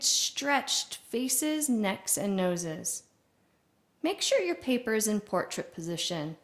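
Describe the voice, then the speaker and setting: Playful art teacher woman, lively pitch. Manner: playful, exaggerated sing-song greetings. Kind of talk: video art lesson for children.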